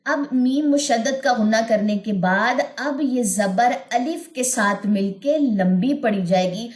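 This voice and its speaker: A woman teaching recitation in a recorded lesson, explaining slowly and repeating each word to demonstrate. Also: fairly high pitch. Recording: echoey room.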